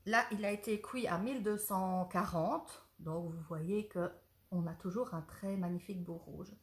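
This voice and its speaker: A woman's voice: medium pitch, moderate pace. Shop-owner woman, mid-range voice, eager and rambling product demo, echoey room. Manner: chatty, enthusiastic, loses her thread. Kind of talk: casual product demonstration. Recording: roomy echo.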